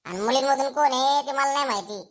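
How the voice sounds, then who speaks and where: A woman's voice: high voice, fast talker, natural voice. Woman playing a cocky village schoolboy. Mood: boastful. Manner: swaggering, boastful, taunting. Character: cocky schoolboy bragging about his power.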